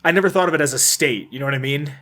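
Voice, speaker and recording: A man's voice: on the high side, racing, fairly bright tone. Young American man, podcast co-host, casual and rambling, reads lore with joking asides. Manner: chatty, rambling, self-deprecating, reads aloud with asides. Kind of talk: casual podcast chat reading game lore.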